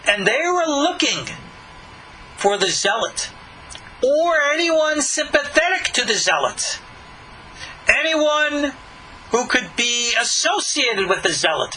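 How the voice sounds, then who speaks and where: The recording is low quality with slight background noise, capturing a rabbi teaching scripture for a Bible study lesson. His voice is high, pushed and bright, and his earnest explanations swell with emphasis on the key words.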